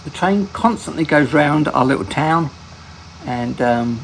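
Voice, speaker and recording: A man hosting his own gaming channel, giving relaxed gameplay commentary and often correcting himself mid-sentence. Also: on the high side, measured pace, a little hiss or hum, low-quality recording.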